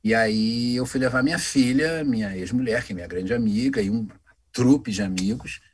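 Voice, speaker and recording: A man, a voice actor telling anecdotes in a casual interview, animated and acting out the voices of the people in his stories. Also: medium pitch, normal speed, slight background noise. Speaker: voice actor guest.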